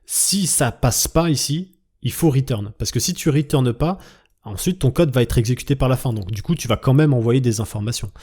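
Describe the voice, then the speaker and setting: A man's voice: mid-range voice, moderate pace, dark tone, husky. A man teaching a coding tutorial over his screen, explaining step by step, checking in with the viewer and thinking aloud as he types. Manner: explains step by step, often asks "d'accord?"; thinks aloud while typing, trailing off. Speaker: coding instructor.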